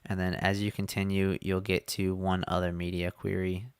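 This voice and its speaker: A man explaining his website design in a casual screen-share walkthrough, relaxed with fillers, a little hoarse as he is losing his voice. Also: deep voice, moderate pace, no echo, clean studio sound. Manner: relaxed, many fillers and restarts.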